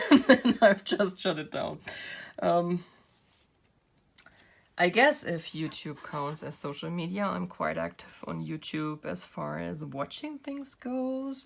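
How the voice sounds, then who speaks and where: A woman's voice: fairly low pitch, creaky. A woman who hosts a craft channel, chatting casually while she works and rambling with self-deprecating laughs. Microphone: built-in camera mic.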